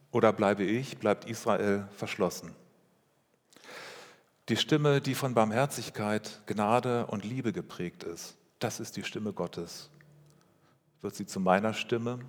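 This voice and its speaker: A man preaching a sermon as pastor, speaking in a measured way with rhetorical questions and repeated phrases. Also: fairly low pitch. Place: church. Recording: long reverb of a church hall.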